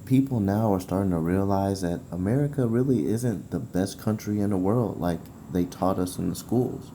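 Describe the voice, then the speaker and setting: A man speaking calmly and matter-of-factly. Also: low-pitched, moderate pace, slight background noise.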